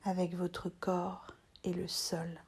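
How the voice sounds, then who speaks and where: A yoga teacher leads a relaxation meditation in a soft, breathy, half-whispered voice, soothing and unhurried, leaving long pauses between short phrases. Her voice is on the low side and completely flat.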